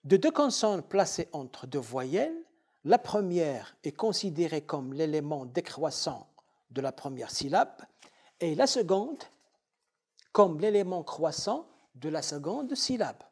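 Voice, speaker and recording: A male university professor gives a lecture at an unhurried pace. His voice is slightly husky and his pitch moves lively from high to low. He goes through the material deliberately, breaking words into syllables and repeating each example.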